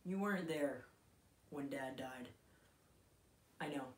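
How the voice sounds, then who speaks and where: A man in his twenties acting an intense dramatic monologue as a grieving, bitter son, halting and swinging between hushed and forceful delivery. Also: medium pitch, a little hiss or hum, natural voice. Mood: grieving, hesitant. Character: grieving, bitter young man recalling his dying father. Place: small room indoors, on a couch. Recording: roomy indoor echo.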